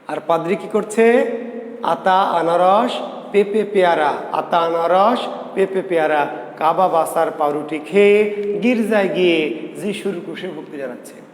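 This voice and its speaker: A man teaching a lesson, drilling students with questions and answering them himself in an animated way. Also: high voice, measured pace. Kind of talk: spoken mnemonic lesson. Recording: echoey room with faint ambience.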